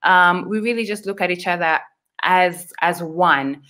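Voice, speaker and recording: Speaking at a slightly slow pace, this young woman from Uganda has a lowish, bright voice with a forceful edge. She is a friendly guest on a video call interview, explaining at length into her webcam from a small room indoors.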